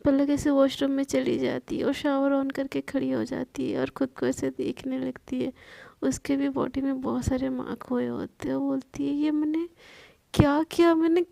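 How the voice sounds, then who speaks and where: A woman's voice: high-pitched, monotone, normal speed, creaky, dark tone, dry recording. A woman narrating a serialized love story in a casual, chatty retelling.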